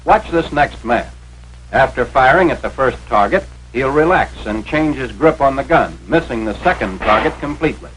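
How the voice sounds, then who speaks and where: Sounding straight out of a 1940s military training film, a mid-pitched American man narrates with an animated, slightly bright voice at normal speed. He is authoritative and instructional, phrasing things in a clipped, formal way. The recording is rough, with light noise over the vintage soundtrack.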